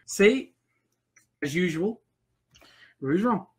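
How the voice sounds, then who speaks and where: Man, husky voice, a bit high, game master, rambling casual chat, laughs a lot. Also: animated, drawn-out words. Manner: rambling storyteller, laughs often.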